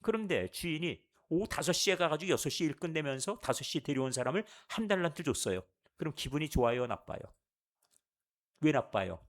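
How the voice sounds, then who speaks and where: Animated male pastor preaching. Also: fairly high pitch, a little fast. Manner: animated, rhetorical questions to the congregation. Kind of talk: sermon. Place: church.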